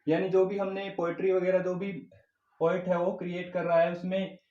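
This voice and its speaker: A man's voice: high voice, flat delivery, dark tone. Hindi-speaking male tutor in an echoey room. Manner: explains slowly, repeats terms, mixes English into Hindi. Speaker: English tutor. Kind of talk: classroom lecture. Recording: echoey room, dull lo-fi sound.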